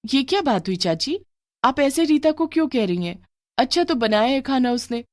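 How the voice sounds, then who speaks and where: A woman's voice: high-pitched, animated, normal speed, dry recording, studio quality, pitched above the performer's own voice. Snappy spiteful cartoon teen girl, taunting, woman voicing her. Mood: protesting. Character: spiteful quarrelsome teenage girl Mita.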